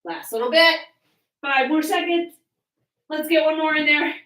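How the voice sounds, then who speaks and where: A woman with a high, bright voice leads a workout from a little way off in an echoey room. She coaches in encouraging cues and counts, taking her time over the instructions. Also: unhurried. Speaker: fitness coach leading a home workout. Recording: roomy echo, distant from mic.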